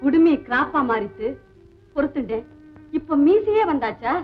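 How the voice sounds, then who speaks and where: An actress playing a nagging, sharp-tongued young wife in a 1970s film comedy, swinging between laughter and sobs. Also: female voice, high-pitched, big pitch swings, normal speed, soft background music. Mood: scolding. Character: fed-up young wife of a turncoat husband. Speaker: exasperated wife. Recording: dull old film soundtrack.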